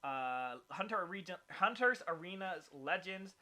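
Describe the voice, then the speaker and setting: Male podcast host, excitable rambler, bright and slightly high voice. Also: normal speed. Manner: rambling, filler-heavy, excitable. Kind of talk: casual chat.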